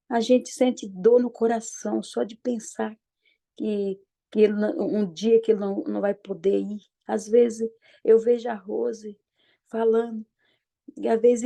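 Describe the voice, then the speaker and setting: An older woman praying aloud with fervent pleading, her voice trailing off softly at the end of each phrase. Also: fairly high pitch, creaky. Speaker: prayer group member. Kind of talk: spontaneous spoken prayer.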